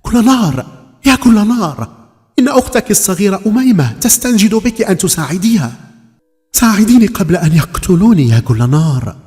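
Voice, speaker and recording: A man voicing a young woman turned into a goat, crying out high and desperate. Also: sing-song, brisk, warm tone. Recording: long reverb with faint music.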